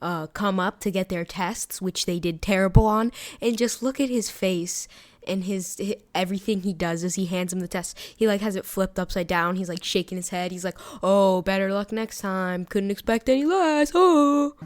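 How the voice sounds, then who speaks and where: A woman's voice: fairly low pitch, steady tone, normal speed. A woman giving casual reaction commentary as a video host, sarcastic and mock-serious. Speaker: YouTube commentator.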